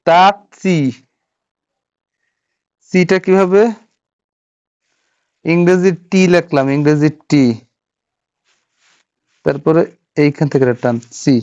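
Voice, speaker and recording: A man's voice: fairly high pitch, level tone, slow, long pauses, a little mellow. A man teaching a Japanese writing class, patiently walking through each stroke step by step and checking that students follow. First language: Bengali. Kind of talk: classroom lesson. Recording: dull lo-fi sound.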